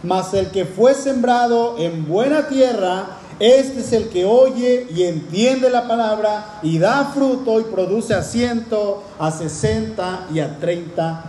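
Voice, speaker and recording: Earnest male preacher, soft warm tone, sermon delivered in a reverberant hall with faint room hum. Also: sits high, slow pace. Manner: earnest, addresses congregation with rhetorical questions. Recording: roomy echoing hall.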